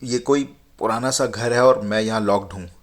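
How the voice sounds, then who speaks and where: A man's voice: on the low side, normal speed, natural voice. A man playing a frightened trapped young man. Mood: urgent. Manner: urgent, pleading, hushed. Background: background music.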